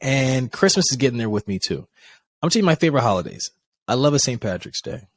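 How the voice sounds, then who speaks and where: Animated man telling stories, dry sound. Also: mid-range voice, fast, no echo. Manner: animated storytelling, acts out quoted dialogue, swears casually. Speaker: podcast co-host. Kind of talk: casual chat.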